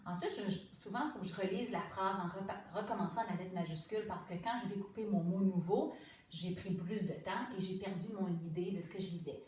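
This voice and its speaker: Patient teacher sounding words out slowly. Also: female voice, lowish voice, a little mellow, recorded from a distance. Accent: Quebec French. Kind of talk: reading lesson for young children. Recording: very echoey room, away from the mic.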